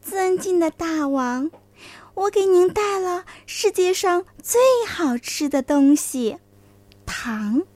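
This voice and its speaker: A woman voicing a cunning male fox in a children's story, flattering and wheedling. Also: very high voice, slow, dry recording, voice pushed up, full character voice. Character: sly smooth-talking male fox.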